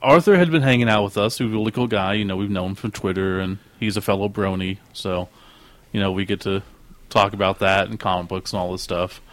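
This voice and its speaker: A man's voice: deep voice, fairly even intonation, a little fast, no echo. A man co-hosting a podcast, chatting casually and laughing often, restarting his sentences. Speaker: podcast co-host. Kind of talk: casual chat.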